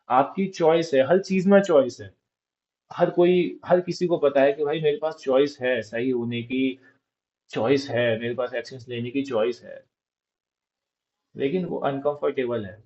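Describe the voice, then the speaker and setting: A man's voice: medium pitch, unhurried, darkish tone, muffled recording. A man giving an informal motivational talk, coaching his listeners and checking in with them as he goes. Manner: informal, coaching, asks "ठीक है?" often. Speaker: motivational speaker.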